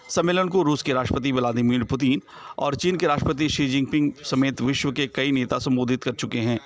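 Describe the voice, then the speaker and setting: Male reporter, formal voice-over, mid-pitched. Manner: formal, even delivery. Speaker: news correspondent. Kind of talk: scripted news report.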